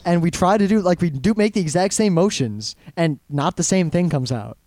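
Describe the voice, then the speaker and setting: A man with a fairly high voice teases and cracks wise in casual chat. The sound is dry and close. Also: expressive, normal speed, a little mellow, no echo.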